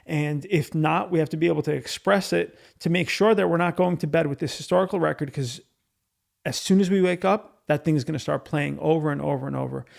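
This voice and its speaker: A man's voice: on the high side, a little fast, gravelly. A man hosting a podcast, speaking in an earnest, informal, philosophical way, as in a reflective wedding toast speech. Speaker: podcast host.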